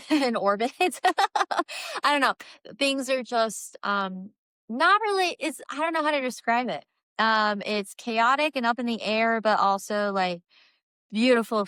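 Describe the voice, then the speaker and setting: A woman's voice: medium pitch, fairly bright tone, smooth, no echo. A woman hosting her own show in a casual, rambling, reflective way, often searching for words. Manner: reflective, searching for words, mystical new-age phrasing; laughs often while talking. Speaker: host of a personal show. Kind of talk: casual, rambling solo chat.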